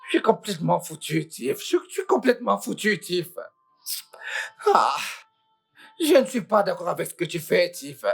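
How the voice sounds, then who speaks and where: A woman's voice: fairly low pitch, sing-song, moderate pace, vocal fry, pauses often, slightly rough, soft background music, full character voice. A woman dubbing a panicked young husband in a French film dub, groaning, pleading and exasperated. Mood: despairing.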